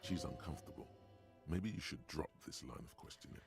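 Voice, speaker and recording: An actor playing a deep male inner narrator in a video game, speaking in a slow, measured, ominous way with a gravelly voice. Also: lively intonation, over music. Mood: brooding.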